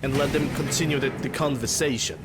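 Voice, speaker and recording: A man's voice: mid-range voice, fast, very noisy. A man giving casual let's play commentary as host of a gaming video.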